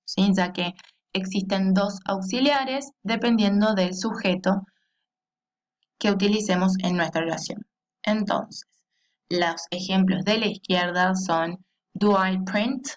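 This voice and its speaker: A woman teaches a grammar lesson at a slow, careful pace. She pronounces each English example phrase clearly and keeps checking that her listeners are following her. Her voice sits at an ordinary pitch. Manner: deliberate, repeats a questioning "¿sí?" to check understanding.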